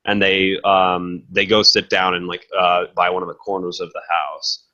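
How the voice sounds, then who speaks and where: A man narrating a tabletop game as game master, improvising and often halting to search for words. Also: low voice, little pitch movement, bright, forceful tone, muffled recording.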